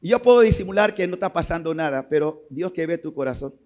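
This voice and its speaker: A man preaching a sermon as a priest, swinging from quiet asides to impassioned shouts. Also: animated, fast. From Panama. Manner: impassioned, rising to shouts and dropping low.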